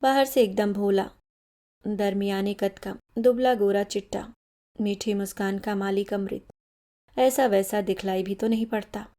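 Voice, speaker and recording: A woman storyteller reading a literary short story in a measured, dramatic way. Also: medium pitch, steady tone, dark tone. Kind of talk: scripted literary narration.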